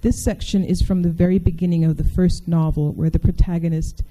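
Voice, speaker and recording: A woman's voice: on the low side, level tone, brisk, dark tone, rough recording. A woman giving a public talk to an audience, wry and conversational, often asking the crowd questions. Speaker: speaker addressing an audience. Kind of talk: public talk with a reading from a novel.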